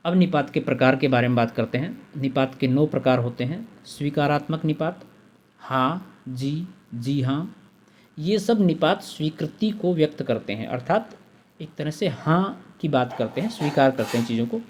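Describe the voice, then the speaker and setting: A man with a fairly high-pitched voice gives a grammar lesson. He works through examples methodically, one at a time, and repeats the key terms for emphasis. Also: lively intonation, normal speed, a little mellow. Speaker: Hindi grammar teacher.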